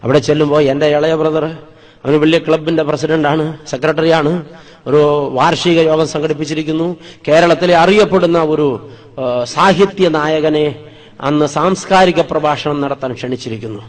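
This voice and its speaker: A man's voice: fairly high pitch, moderate pace. A man from Wayanad in Kerala, a priest preaching a sermon, telling his own life story dramatically and acting out the scenes.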